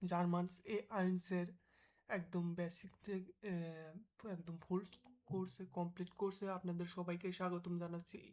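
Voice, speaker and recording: A woman's voice: lowish voice, level tone, a little mellow. A woman from Bangladesh who tutors German, giving a patient beginner lesson and drilling the alphabet letter by letter so listeners can repeat after her. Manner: slow, patient, drills letters one at a time.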